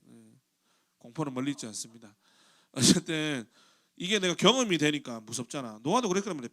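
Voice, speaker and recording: A man's voice: a little high, a bit bright. A middle-aged male pastor giving a chatty youth sermon in a church sanctuary, often asking the congregation questions and briefly acting out quoted voices. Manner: acts out quoted voices in short bursts.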